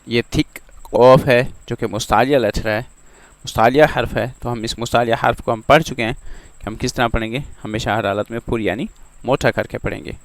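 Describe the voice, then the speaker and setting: A man with an Urdu accent teaching Quran pronunciation, drawing out syllables slowly and checking in with "theek hai" between them. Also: mid-range voice, steady tone, no room sound. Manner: drawn-out syllable demonstrations, repeats "ठीक है" often. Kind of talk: slow, patient tajweed lesson.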